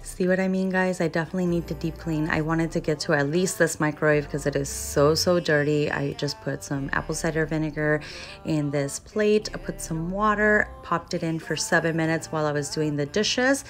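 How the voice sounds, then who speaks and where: A young woman talks casually and directly to her viewers in a cleaning vlog voice-over. Her voice sits low for a woman. Soft background music plays under her talk. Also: fairly even intonation, brisk. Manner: chatty, talks straight to viewers. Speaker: cleaning vlogger.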